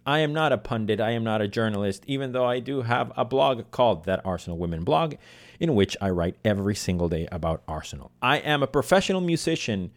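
A man with a fairly low voice, recorded close and dry. He hosts a solo fan podcast off the cuff. His delivery is casual, passionate and led by feeling. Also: no room sound. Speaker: podcast host.

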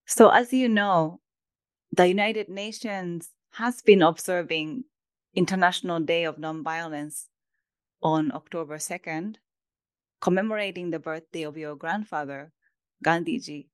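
A woman co-hosting an interview podcast, introducing the show in a clear, scripted way and asking questions. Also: lowish voice, measured pace. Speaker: co-host.

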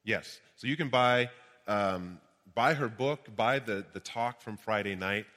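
A man's voice: fairly low pitch, a little slow, bright, forceful tone. A man preaching as a minister in an emphatic, exuberant motivational speaking style. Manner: emphatic, exuberant projected delivery. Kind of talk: motivational sermon with call-and-response affirmations. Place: large reverberant room, addressing a gathering. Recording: reverberant hall sound.

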